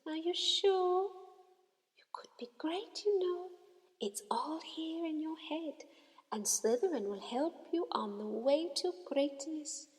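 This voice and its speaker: A woman voicing an old magical talking hat that muses in slow hushed whispers and bellows its verdicts. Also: sits high, pitched above the performer's own voice. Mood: coaxing. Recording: long hall reverb.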